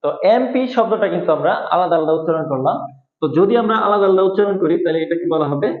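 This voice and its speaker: A man teaching an English lesson at a board, explaining slowly and repeating each point. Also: sits high. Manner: slow, repetitive explaining, spelling out letters. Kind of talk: whiteboard lesson. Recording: echoey room, tinny phone-like sound.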